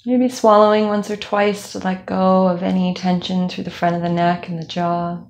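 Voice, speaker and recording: Gravelly-voiced woman guiding a meditation. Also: fairly low pitch. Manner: calm, slow guiding with soft fillers. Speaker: movement instructor. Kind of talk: guided meditation.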